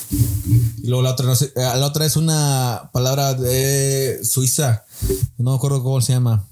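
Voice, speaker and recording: A man's voice: mid-range voice, mellow. A young man with a Mexican accent, hosting a casual solo podcast, joking around, mimicking people and laughing often. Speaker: podcast host.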